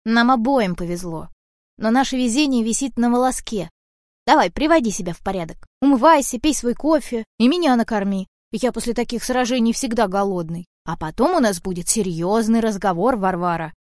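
A woman voicing a big, gruff, rude ginger tomcat who scolds and bosses people around, in an audiobook. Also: on the high side, expressive, fairly quick, dry recording, clean studio sound, lightly acted. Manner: loud, bossy, scolding. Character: old male house cat, gruff, rude protector. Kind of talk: audiobook character voice.

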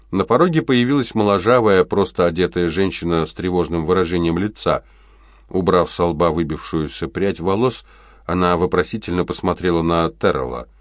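A man narrating an audiobook in a steady, even reading voice. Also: sits low, dry recording, studio quality.

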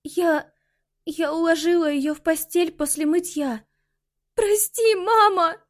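A woman's voice: very high-pitched, slow pace, voice pushed up. A woman voicing a frightened teenage girl who speaks breathlessly, tearful and pleading. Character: frightened teenage girl, sister of missing child.

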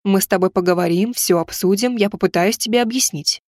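A woman voicing a grown werewolf pack leader who speaks calmly and domineeringly. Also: mid-range voice, fairly quick, no room sound, studio quality, close to an everyday voice. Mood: commanding. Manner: calm, domineering.

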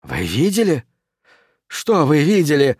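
A man voicing a dreamy, lovesick stranger from a dead city in an audiobook, with slow, drawn-out, theatrical phrasing. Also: a little high, dry recording, studio quality, voice pushed up, close to an everyday voice. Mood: frightened. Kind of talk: audiobook character voice.

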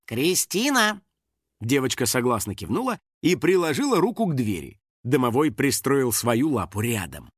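A man narrating a children's audiobook in an expressive storytelling manner. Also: medium pitch, moderate pace, few pauses, slightly rough, no room sound, clean studio sound.

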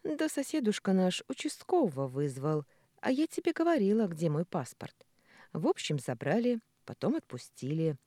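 A female narrator voicing a spirited, quick-tempered young woman who talks sharply and bossily. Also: fairly low pitch, sing-song, no echo, clean studio sound, pitched above the performer's own voice. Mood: brisk. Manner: sharp, exasperated, commanding. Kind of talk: audiobook character voice.

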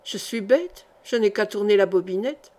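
A woman's voice: medium pitch, moderate pace, a little mellow, natural voice. A woman voicing a naive, touchy young male bread carrier who talks in clipped rustic country speech, in an audiobook. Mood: coaxing.

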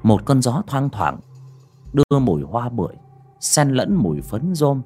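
Husky male horror narrator. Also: mid-range voice, sing-song, measured pace, warm tone. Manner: dramatic storytelling. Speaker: audiobook narrator. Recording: narration over faint music.

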